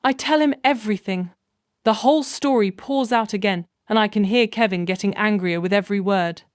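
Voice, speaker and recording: A woman's voice: medium pitch, brisk, no echo. Dry-voiced woman narrating a story. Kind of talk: scripted first-person story narration.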